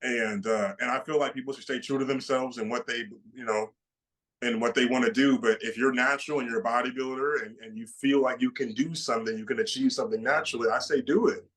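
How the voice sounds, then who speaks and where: A man in his late twenties, a bodybuilder guest, answering interview questions in an excited way with many repeated starts. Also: medium pitch, fast, rough recording. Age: 20s.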